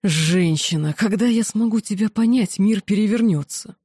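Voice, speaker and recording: A woman's voice: mid-range voice, normal speed, dark tone, slightly rough, no room sound, studio quality, natural voice. A woman voicing a furious male tiger-shifter king who growls and roars his lines. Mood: exasperated. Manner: growling, roaring.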